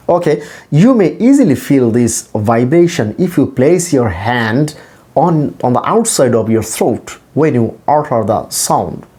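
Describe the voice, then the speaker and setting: A man with a Bangladeshi accent and Bengali as his first language teaches English pronunciation, carefully repeating and demonstrating. His medium-pitched voice is warm, and there's a faint hiss or hum in the recording.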